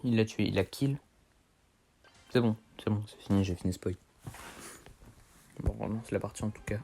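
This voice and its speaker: A man's voice: on the low side, steady tone, normal speed, vocal fry, warm tone, a little hiss or hum. A teenage boy chatting casually over his gameplay, rambling in slang and correcting himself as he goes. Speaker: gaming streamer.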